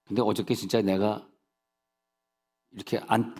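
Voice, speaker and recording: A man's voice: on the low side, flat delivery, unhurried, a little mellow. A male senior pastor preaching a sermon in a church sanctuary, telling humorous stories and checking in with the congregation. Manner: folksy storytelling, humorous asides, rhetorical check-ins. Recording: long hall reverb.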